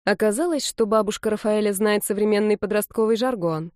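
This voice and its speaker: A woman narrating an audiobook with a lively, expressive reading. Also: mid-range voice, a little fast, no echo, studio quality.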